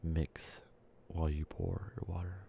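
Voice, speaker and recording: In a soft-spoken candy-making ASMR ramble, this man's very low, gravelly voice slips into whispers between plenty of ums and uhs. He sounds ill, congested and short of breath, with a dark, mellow tone, a flat delivery and a slightly slow pace. There is slight background noise.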